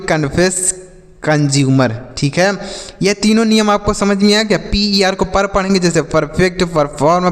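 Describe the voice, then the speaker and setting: A man with a slightly raised voice leads an English phonics lesson like a teacher in front of a class. He spells words out slowly, letter by letter, and keeps asking what they read. A long reverb trails behind his speech. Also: high-pitched. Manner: repetitive call-and-response questioning.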